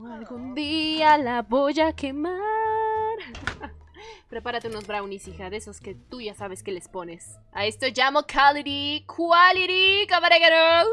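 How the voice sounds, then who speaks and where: A woman giving casual, dramatic and jokey commentary while playing a life-simulation video game. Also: on the high side. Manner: animated, dramatic, jokey, playful outbursts. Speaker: gaming youtuber. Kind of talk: casual let's-play commentary.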